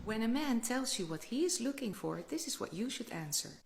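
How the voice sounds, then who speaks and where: A woman's voice: a little high, big pitch swings, a little fast, gravelly, background noise. A woman giving slick, confident dating advice straight to the listener in an assertive, instructive way. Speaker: dating coach.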